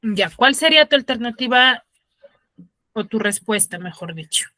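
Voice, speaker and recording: A woman's voice: fairly high pitch, lively intonation, moderate pace, sharp tone, no room sound. A woman teaching an online class, reading passages aloud, explaining them and calling on students by name. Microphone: computer or phone on a video call.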